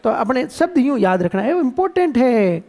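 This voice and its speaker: A man with a Rajasthani Hindi accent teaching geography to a class, playful and quizzing students with drawn-out repetitions. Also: extremely high pitch, sing-song, a little mellow. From India. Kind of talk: classroom lecture.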